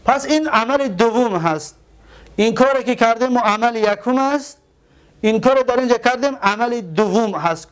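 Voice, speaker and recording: A man's voice: extremely high pitch, clean tone. A man with a Tajik accent teaching Arabic grammar, explaining step by step and answering his own questions. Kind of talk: classroom lesson at a board.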